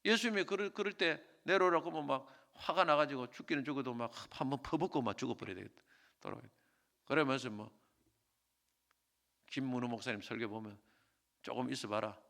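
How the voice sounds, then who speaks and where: A man preaching a sermon as pastor, swinging between loud exhortation and quiet pleading. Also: mid-range voice, brisk, vocal fry.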